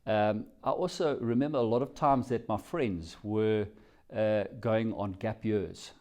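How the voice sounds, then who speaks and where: A man's voice: fairly low pitch, a little slow, a little mellow. A South African man answering interview questions, telling his story in a reflective, rambling way. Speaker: company CEO, guest.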